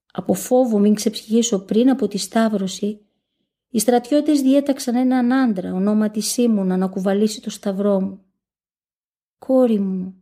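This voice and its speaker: A woman giving a solemn reading of a religious text in a steady, measured first-person recitation. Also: mid-range voice.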